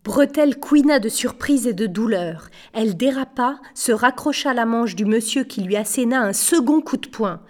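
A woman reading a novel aloud as narrator, measured in her storytelling and sometimes dropping to a hush. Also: on the high side, lively intonation. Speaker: audiobook narrator.

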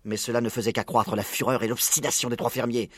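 A man reading a children's storybook aloud with expressive, dramatic delivery. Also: medium pitch, fast talker, breathy edge, dry recording, studio quality.

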